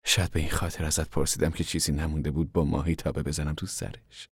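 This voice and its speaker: A man voicing a weary, worried older mother in an audiobook, speaking softly and sometimes near a whisper. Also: very deep voice, level tone, husky, no echo, studio quality, full character voice. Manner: soft and subdued, drops to a near whisper. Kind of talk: audiobook character voice.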